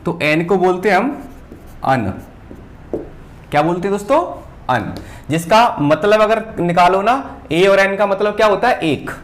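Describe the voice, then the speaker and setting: A male teacher giving a whiteboard grammar lesson, pausing and repeating words as he writes. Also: sits high. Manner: slow, repeats words while writing, often says "ठीक है".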